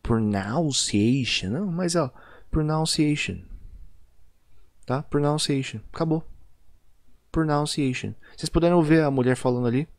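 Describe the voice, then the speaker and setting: Brazilian guy giving a casual lesson, drags out words super slow to demo them, dead dry sound. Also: a little high, a little mellow, no room sound. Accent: Brazilian Portuguese. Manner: chatty, keeps tagging lines with "né?" and "tá?", draws out example words very slowly. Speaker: English teacher. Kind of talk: casual online video lesson.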